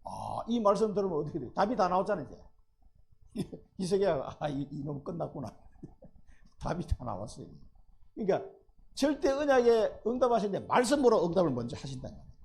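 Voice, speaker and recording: A male pastor preaching a lively sermon at a church service, often asking the congregation rhetorical questions. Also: high-pitched, fairly quick.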